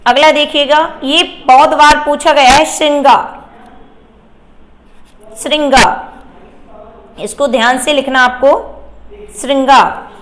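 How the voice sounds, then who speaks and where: A woman teacher giving a Hindi grammar lesson, explaining slowly and asking and answering her own questions. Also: sits high, steady tone, fairly bright tone.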